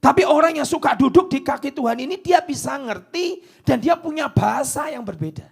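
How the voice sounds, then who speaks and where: A man preaching a sermon into a microphone in church, swinging from loud declarations down to hushed whispers. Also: very high-pitched, animated, a little fast, gravelly, soft background music. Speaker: pastor.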